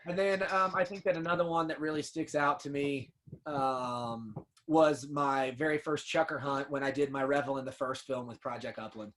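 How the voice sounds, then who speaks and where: A man's voice: fairly high pitch, fairly even intonation, moderate pace, fairly bright tone. A man telling hunting stories as an interview guest, earnest and emotional, often saying "man" and "dude". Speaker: podcast guest, upland hunter and dog kennel owner. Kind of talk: casual storytelling interview.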